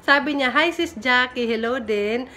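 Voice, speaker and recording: A woman's voice: high voice, measured pace, bright, forceful tone, a little hiss or hum. A young woman from the Philippines casually chatting on her home vlog, giggly and self-teasing as she reads viewer comments. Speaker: vlogger. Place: home room in Japan. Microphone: phone camera.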